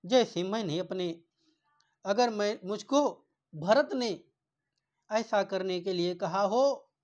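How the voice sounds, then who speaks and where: A male teacher explains a poem line by line, reading the verses in a slow, measured way. He then restates each one with emphasis. The recording sounds dull and lo-fi. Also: sits high, darkish tone. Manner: reads verses slowly, then paraphrases them with emphasis.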